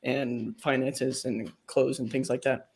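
A man's voice: medium pitch, level tone, a little slow, darkish tone, slight background noise. A man around twenty asking a question on a video call, polite and hesitant with many ums. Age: 20s. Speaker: caller.

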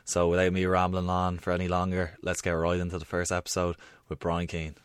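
Low-voiced, quick-talking Irish podcast host, male. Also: completely flat delivery, very noisy. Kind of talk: podcast introduction and interview.

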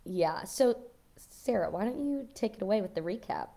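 On a podcast, a co-host chats about a TV show, thinking aloud and often breaking into giggles. She talks at normal speed in a mid-range voice that is animated, creaky, and dark in tone.

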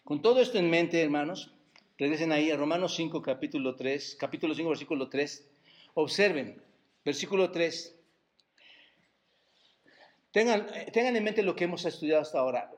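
A man's voice: on the high side, normal speed, pauses often. A man preaching a sermon as pastor, asking the congregation rhetorical questions and drawing out key words for emphasis. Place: church service.

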